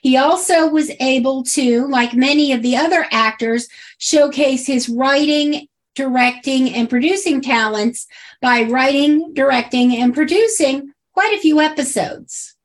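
A woman's voice: high voice, measured pace. A woman co-hosting a podcast, chatting casually and reading from notes with plenty of fillers along the way. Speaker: podcast co-host.

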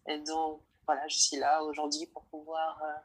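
A nineteen-year-old woman from French Guiana, answering interview questions in a hesitant way, often pausing to search for words. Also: sits low, completely flat delivery, husky, low-quality recording.

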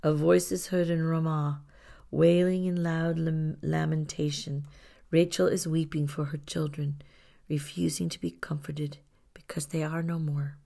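Brief: old male rabbi read by a woman, soft, mournful, low and slow, dark tone. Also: little pitch movement, gravelly. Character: sorrowful old male rabbi, gentle, cryptic.

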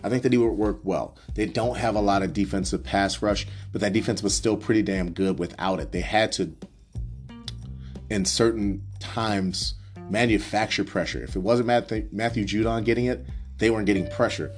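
Man, low voice, casual solo talk, rambling with ums, faint guitar music underneath. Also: normal speed. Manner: rambling, self-correcting, frequent ums. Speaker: podcast host doing a mock draft. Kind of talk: casual solo analysis, off the cuff.

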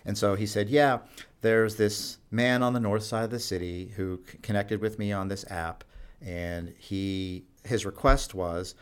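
A man's voice: lowish voice, fairly even intonation, measured pace, hardly any pauses, smooth. A man who works as a doctor at a jail HIV clinic tells anecdotes in a conversational interview, acting out the quoted dialogue with animation.

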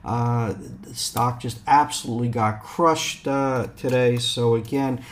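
A man hosting casual stock market commentary in brash, slangy trader talk, halting often with fillers and addressing viewers directly. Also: medium pitch, fairly even intonation. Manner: halting, filler-heavy delivery. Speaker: stock market video host.

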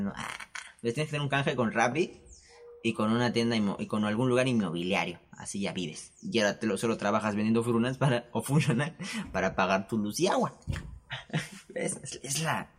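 A young man with a Peruvian Spanish accent tells stories to camera in a casual, animated way. He laughs often and swears freely. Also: medium pitch, brisk, slight background noise. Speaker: vlogger. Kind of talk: casual storytelling monologue. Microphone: camera setup with microphone.

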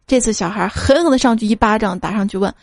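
A woman hosting a show, reading out funny listener stories in a lively way and mimicking the children in them. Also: medium pitch, fast talker, dry recording. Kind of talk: humorous story reading. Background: faint background music.

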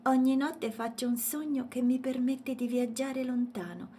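A woman's voice: sits high, measured pace, warm tone, a little hiss or hum, pitched above the performer's own voice. Woman doing a cheerful baby elephant. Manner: cheerful, playful. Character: friendly young male elephant calf.

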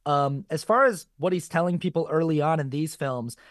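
Here a slightly high male voice moves at a moderate pace, with clean studio sound and no room tone. As a podcast guest actor, he spins energetic, casual anecdotes, animatedly impersonating the people he quotes.

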